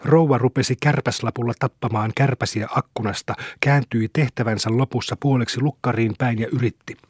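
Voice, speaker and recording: A man narrates a novel in a measured storytelling voice. His tone is husky, mid-pitched and recorded dry and close. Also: steady tone, no echo. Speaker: audiobook reader. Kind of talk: scripted narration.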